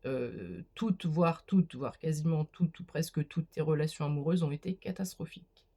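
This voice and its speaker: A woman's voice: low voice, moderate pace, warm tone, slightly rough. Woman doing a casual card reading. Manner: addresses viewer directly, many fillers and restarts. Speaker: card reader. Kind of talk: casual spoken tarot reading.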